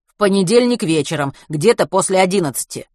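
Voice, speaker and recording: A loud, folksy male ambulance driver, as a woman reading the book puts him on. He gossips in a raised, higher voice and sounds amazed that anyone missed the news. Dry, close storybook recording. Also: a little fast, no echo, lightly acted. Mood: explaining.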